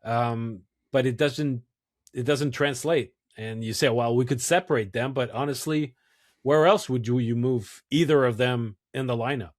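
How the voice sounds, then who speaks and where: A man co-hosting a hockey podcast, analyzing in a thoughtful, halting casual way. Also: medium pitch. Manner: thoughtful, restarts and hesitations.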